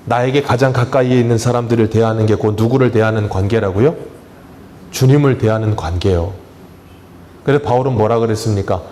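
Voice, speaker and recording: A man's voice: lowish voice, a little fast, dark tone, a little hiss or hum. A man who is a pastor, preaching a sermon in a church in a plain, conversational way. He keeps asking the congregation questions and then answers them himself, with touches of humor. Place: church sanctuary.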